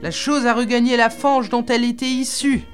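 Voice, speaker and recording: A woman's voice: on the high side, fairly even intonation, normal speed, faint music behind, voice pushed up, natural voice. A woman voicing a wounded barbarian king who growls and curses in anger, in an audiobook reading. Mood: furious. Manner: growling, cursing. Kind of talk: audiobook character voice.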